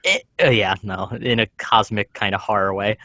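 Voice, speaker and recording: A man's voice: fairly low pitch, fairly even intonation, moderate pace, pushed and bright, no echo. A man on a political podcast panel, talking casually and correcting himself often in a wry way.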